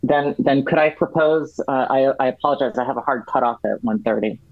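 A man guesting on a talk podcast, laying out a policy matter step by step in a measured, detailed manner. He often restarts his sentences. The sound is dull and lo-fi, with a dry, close feel. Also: mid-range voice, no room sound. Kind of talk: explaining policy in conversation.

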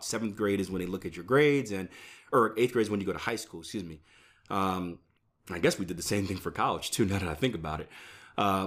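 A man in his thirties talking casually to his viewers about trading, often checking in with "right?" as he explains. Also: on the low side. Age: 30s. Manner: conversational, repeats "right?" often. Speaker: trading educator.

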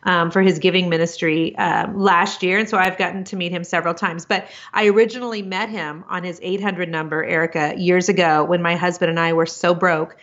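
A middle-aged woman talking as a podcast guest, chatty and animated, with quick asides and frequent laughs. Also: fairly low pitch. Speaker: podcast guest, business conference organizer. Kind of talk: casual interview chat. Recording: dull lo-fi sound.

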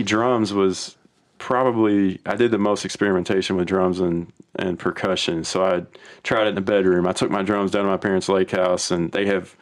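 A man who is a guest on a podcast, chatting casually about home recording. He rambles in a relaxed way, often restarting his sentences. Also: deep voice. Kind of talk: casual chat.

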